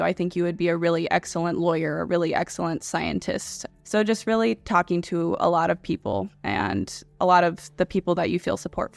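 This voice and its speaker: Gravelly, low-pitched woman. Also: no room sound. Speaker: college admissions counselor. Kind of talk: casual panel advice.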